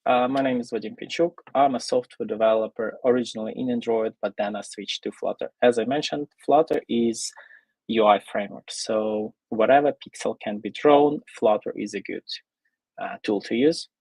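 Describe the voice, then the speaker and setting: A man from Ukraine, presenting an online tech talk as a software developer, casual and full of fillers. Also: medium pitch, husky, no room sound, poor audio. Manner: casual, pausing often with fillers.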